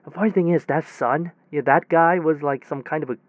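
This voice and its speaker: A man performs a hobby audio drama monologue as a rattled, rambling young technician with a high voice, retelling a bizarre encounter with a demon in conversational style. Lightly acted, it sounds groping and uncertain, halting and repetitive with false starts and self-corrections. The audio is dull, with no echo.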